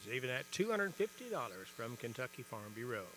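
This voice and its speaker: A man's voice: medium pitch, very animated, a little fast, sharp tone, a little hiss or hum. A man announcing livestock show champions at ringside, formal in tone and drawing out the winners' names for emphasis.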